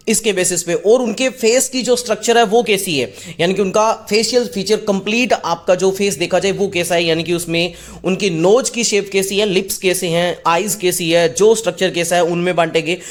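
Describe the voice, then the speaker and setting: A male teacher giving a casual exam-prep lecture, asking and answering his own questions as he goes. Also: sits high. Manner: mixes English terms into Hindi speech.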